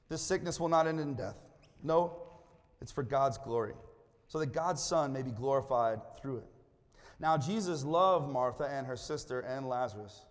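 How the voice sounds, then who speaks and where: A man with a slightly high voice delivers a lively sermon to a congregation. He reads scripture and keeps asking the room to call back to him. His voice rings out with a long reverb from the hall around him. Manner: lively, calls on the congregation to respond. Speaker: pastor. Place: church hall.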